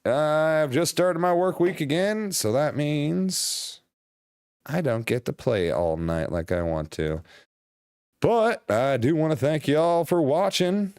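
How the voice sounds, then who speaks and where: A man's voice: fairly high pitch, big pitch swings, takes it slowly, darkish tone, clean tone, no room sound, studio quality. A man streaming a story game, joking casually and reading the dialogue aloud. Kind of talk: casual let's-play commentary. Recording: game music faint behind.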